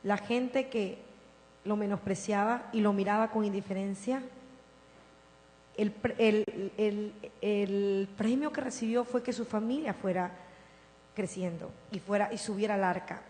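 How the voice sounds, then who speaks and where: A woman pastor preaching a sermon in a church, swinging from impassioned declarations to soft, tender storytelling. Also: mid-range voice, steady tone, measured pace. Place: church sanctuary. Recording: reverberant hall with mains hum.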